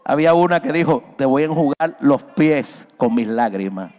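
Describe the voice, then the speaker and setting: A man preaching a sermon as a pastor, his voice climbing high and loud as he acts out pleas. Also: animated, normal speed. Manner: preaching, voice rises high and loud when acting out Peter's plea. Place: church hall. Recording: long reverb of a large church.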